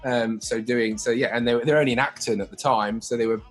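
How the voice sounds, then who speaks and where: A man interviewing a guest, talking in a halting way with many restarts and fillers. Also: medium pitch, fairly even intonation. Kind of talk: casual interview chat.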